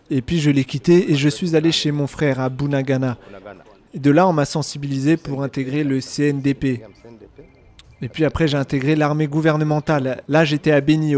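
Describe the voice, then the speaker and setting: A man's voice: on the high side, level tone, brisk, a little mellow. A man from Rwanda, a detained soldier, giving a plain, factual account of his past.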